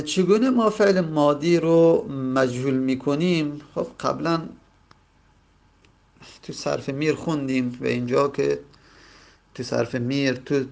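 A man's voice: medium pitch, gravelly. A man teaching a grammar lesson with a Persian accent, explaining step by step and repeating each point in other words. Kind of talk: grammar lecture.

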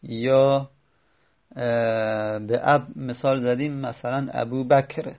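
A man's voice: mid-range voice, level tone, darkish tone. Patient male teacher explaining step by step. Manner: patient, repeats each step, thinks aloud with fillers. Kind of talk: explanatory grammar lesson.

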